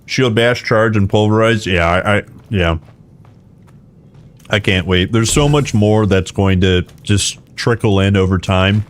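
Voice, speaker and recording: Low-voiced rambling male game streamer. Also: unhurried, a little hiss or hum. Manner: rambling, informal, enthusiastic. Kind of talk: casual live stream chat.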